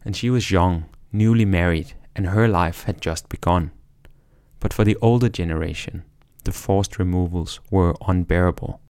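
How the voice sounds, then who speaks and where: A man narrates a documentary in a calm, measured, scripted tone. His voice is very deep and recorded dry and close. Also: clean tone, dry recording.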